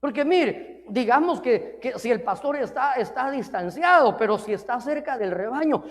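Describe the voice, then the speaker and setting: A man's voice: very high-pitched, expressive, moderate pace. A man preaching an informal sermon in earnest tones, repeating himself and often calling listeners brother, with joking asides. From Mexico. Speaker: pastor. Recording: long reverb of a large hall.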